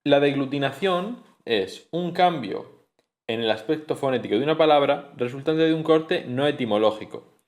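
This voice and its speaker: Male teacher, mid-pitched voice, patient spoken phonetics lesson with sounds repeated aloud. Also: lively intonation, normal speed.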